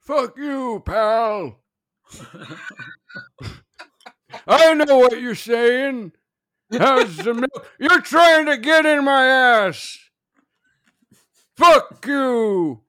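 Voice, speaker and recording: A man putting on an old-timey voice for a paranoid, cranky old war veteran who shouts indignantly and keeps laughing at himself. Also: very high voice, expressive, extremely slow, pauses often, no echo, exaggerated voice. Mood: angry.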